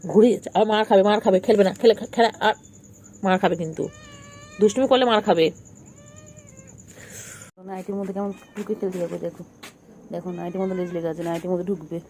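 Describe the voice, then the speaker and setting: A woman's voice: mid-range voice, steady tone, fairly quick, long pauses, dark tone, slight background noise. A woman, cooing at her pet cat in baby talk and scolding it playfully, repeating words again and again. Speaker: pet vlogger.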